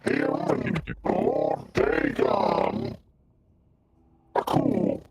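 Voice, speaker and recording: A man's voice: wildly swooping pitch, full character voice. A game master voicing a sly, deformed demon-serving male creature through a voice changer. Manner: slow, gravelly, swooping. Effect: voice changer, deep distorted growl. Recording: loud crackling distortion from voice changer.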